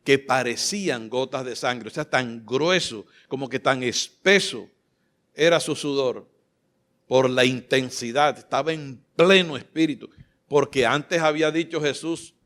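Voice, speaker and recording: Impassioned bright-voiced preacher. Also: male voice, mid-range voice, unhurried. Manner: impassioned, rises to loud fervent exclamations and gets choked up. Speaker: pastor. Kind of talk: sermon. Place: church sanctuary.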